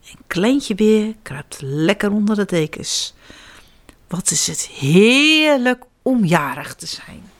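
Lively woman reading to children. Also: medium pitch, takes it slowly. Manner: animated, addressing children directly. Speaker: children's storyteller. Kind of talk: reading picture books aloud to children.

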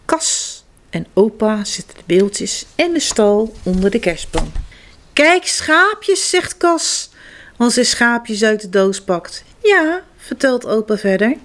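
A woman reading a children's picture book aloud, giving the characters their own voices. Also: medium pitch. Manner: lively, slow storytelling with voices for the characters. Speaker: storybook reader.

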